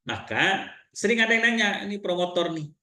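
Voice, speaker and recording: A man with an Indonesian accent giving a seminar talk, telling client stories in lively quoted dialogue. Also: high voice, brisk, echoey room. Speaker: seminar trainer.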